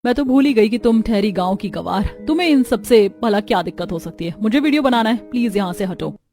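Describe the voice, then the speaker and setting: A woman's voice: medium pitch, expressive, brisk, warm tone, faint music behind, natural voice. A woman voicing a vain, showy young city woman who mocks others. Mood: haughty. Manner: mocking, showy.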